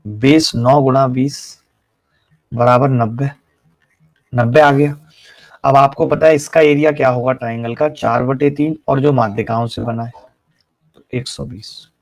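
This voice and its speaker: A man's voice: medium pitch, steady tone, unhurried, pauses often, dry recording. A man teaching a live online math class, explaining each step and teasing his students with jokes.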